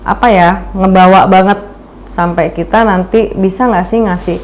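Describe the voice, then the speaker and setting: A woman's voice: mid-range voice, steady tone, moderate pace, a little hiss or hum. A woman speaks in a mid-range voice over what sounds like a computer mic on a video call. She gives an informal, chatty webinar talk on presenting, with plenty of fillers along the way. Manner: chatty, uses many fillers and acts out examples.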